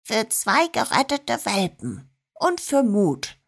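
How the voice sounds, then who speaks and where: Woman doing a tiny brave elf in a storybook, whispered role-play, soft and slow. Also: on the high side, big pitch swings, breathy edge, heavily acted. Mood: hushed.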